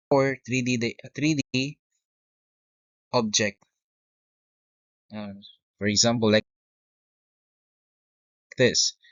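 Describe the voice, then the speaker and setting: Man giving a plodding software tutorial. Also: mid-range voice, dry recording. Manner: step-by-step, frequent "okay" and "uh" fillers, self-corrections. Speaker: teacher. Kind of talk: screen-recorded software tutorial. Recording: dry, dull lo-fi mic.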